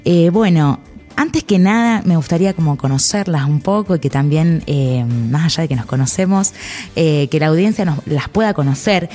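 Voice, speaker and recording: A woman hosting a podcast, speaking in a measured, formal way. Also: low-pitched, expressive, mellow, soft background music. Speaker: podcast host. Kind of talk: podcast intro and interview.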